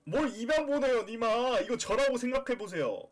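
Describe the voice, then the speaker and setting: A man streaming a game as a VTuber, chatting playfully with viewers and breaking into excited cheers. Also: very high-pitched, moderate pace. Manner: playful, excitable, shouts and cheers while playing. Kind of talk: live game stream chat.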